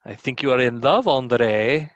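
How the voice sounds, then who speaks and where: With the highs cut off in a dry recording, a man speaks at a measured pace in a mid-range, lively voice close to everyday speech. He's acting in a table read of a historical play as a contemptuous soldier, bitterly mocking a prisoner in sneering, declaimed old-fashioned language.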